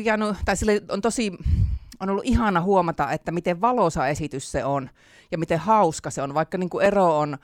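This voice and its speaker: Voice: mid-range voice, dry recording, clean studio sound. An author and theatre teacher talking in a casual interview, chatty with lots of fillers and frequent laughter.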